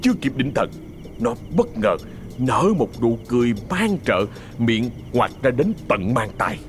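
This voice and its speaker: A man's voice: medium pitch, big pitch swings, a little slow, faint music behind. A man narrating a ghost story with a Southern Vietnamese accent, in a dramatic, suspenseful manner.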